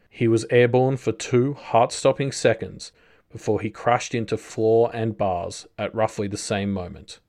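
A man reading a story aloud as narrator, in a slow, measured way. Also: lowish voice, a little mellow. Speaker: audiobook narrator. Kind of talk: scripted narration.

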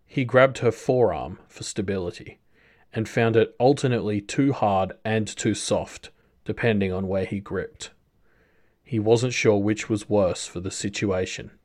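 Slow, low-voiced male narrator. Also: a little mellow. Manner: slow, measured reading. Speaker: audiobook narrator. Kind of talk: scripted narration.

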